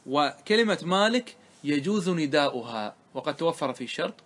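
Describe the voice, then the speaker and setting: A man's voice: fairly high pitch, lively intonation, fairly bright tone. Man teaching a grammar lesson. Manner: asks the students questions and answers them himself; slows down to quote the verse. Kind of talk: explaining a grammar poem line by line.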